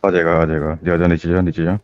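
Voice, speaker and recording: A man's voice: little pitch movement, fast talker, muffled recording, a little hiss or hum. A man on squad voice chat giving short, clipped callouts to his teammates. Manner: terse low callouts. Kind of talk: game voice chat. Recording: voice chat over loud gunfire.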